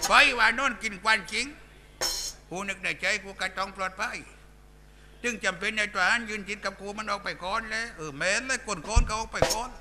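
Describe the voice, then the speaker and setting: A man's voice: high-pitched, lightly acted. A man voicing a bawdy male village clown in a Southern Thai accent, telling coarse jokes in a live shadow puppet show. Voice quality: coarse, rowdy, bantering.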